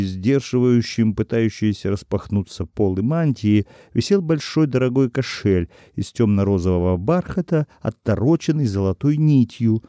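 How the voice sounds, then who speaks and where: A man narrating an audiobook in an expressive storytelling manner. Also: on the low side, dry recording.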